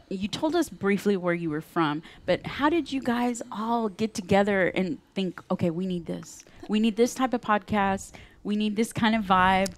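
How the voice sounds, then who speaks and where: A woman hosting a radio interview show from a studio, upbeat and chatty, laughing easily with her guests. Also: mid-range voice.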